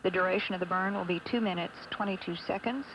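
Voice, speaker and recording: A woman giving live launch commentary from mission control in a halting, hesitant way. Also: lowish voice, steady tone. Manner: hesitant, halting with many pauses. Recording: noisy mission control broadcast feed.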